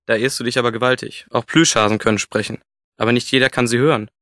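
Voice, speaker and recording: A man voicing a cheeky, self-assured talking plush rabbit in a playful, lively way, for a scripted language-course radio play. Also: medium pitch, quick pace, dry recording, studio quality, lightly acted.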